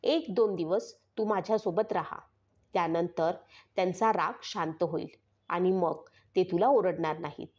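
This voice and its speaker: A woman narrator voicing a scheming adult woman stranger who talks gently and persuasively, on a slightly muffled recording. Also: fairly low pitch, a little slow. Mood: coaxing.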